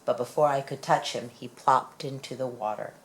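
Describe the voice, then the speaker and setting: A woman reading a children's picture book aloud in an expressive storytelling manner. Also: extremely low pitch, normal speed, a little hiss or hum, rough recording. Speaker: storybook reader.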